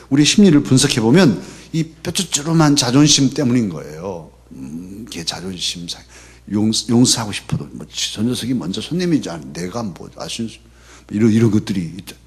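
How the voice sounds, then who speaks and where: Male pastor, husky, conversational sermon delivery, church setting. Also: animated, normal speed. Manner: conversational preaching, often drops to a soft low voice for quoted lines. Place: church sanctuary.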